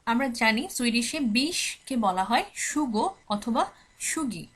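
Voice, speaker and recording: Higher-voiced woman teaching a language. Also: expressive, a bit bright. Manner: repeats example words slowly for practice; mixes English words into her speech. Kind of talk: explanatory language lesson.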